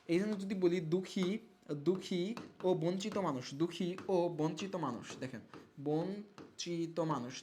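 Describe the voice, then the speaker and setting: Online tutor, mid-pitched, quizzes viewers and drills answers by repetition. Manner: drills answers by repeating words over and over; quizzes viewers and reads out their names from comments. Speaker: online exam-prep teacher. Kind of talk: live online revision class.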